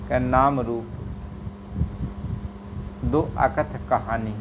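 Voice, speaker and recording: A man giving a devotional sermon, repeating phrases and drawing out chanted verses in a slow, melodic way. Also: mid-range voice, fairly even intonation, noisy background. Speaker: spiritual preacher.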